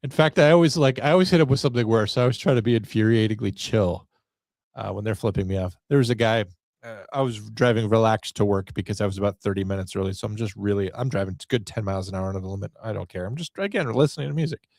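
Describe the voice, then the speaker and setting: A man's voice: lowish voice, fast, a little mellow, no echo, studio quality. A man in his forties hosting a podcast, telling self-mocking stories in a casual, wry monologue. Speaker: podcast host.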